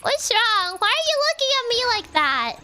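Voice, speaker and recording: A woman's voice: extremely high pitch, big pitch swings, moderate pace, sharp tone, slight background noise, pitched above the performer's own voice, full character voice. A woman voicing a timid, innocent young girl, hesitant and anxious, reading game dialogue aloud. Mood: worried. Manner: hesitant, stammering, questioning.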